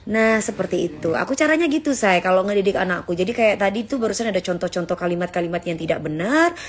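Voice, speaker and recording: A woman hosting a casual livestream on her phone, chatting with viewers and lecturing her son in a warm, teacherly way. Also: mid-range voice, expressive, fast talker. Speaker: livestream host reading viewer comments. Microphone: phone held for a livestream.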